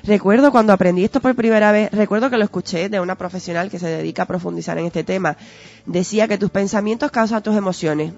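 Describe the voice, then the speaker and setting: A woman's voice: medium pitch, fairly even intonation, quick pace, gravelly, a little mellow. An earnest woman talks as a guest, steering her points with rhetorical questions like a patient teacher. Her voice is muffled and lo-fi, and faint music sits underneath. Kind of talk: conversational explanatory talk. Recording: dull lo-fi audio with faint music.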